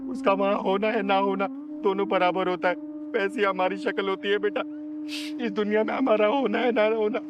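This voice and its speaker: A man acting as a caring but fiery kinner elder sister in an emotional short-film drama, gentle when advising and harsh when scolding. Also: high-pitched, close to an everyday voice. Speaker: Chingari didi, lead of a short film.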